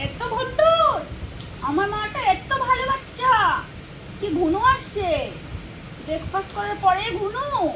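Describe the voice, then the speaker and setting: A woman's voice: extremely high pitch, lively intonation, takes it slowly, long pauses, very noisy. A woman at home talking baby talk to her pet cat, cooing and repeating words. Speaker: pet owner.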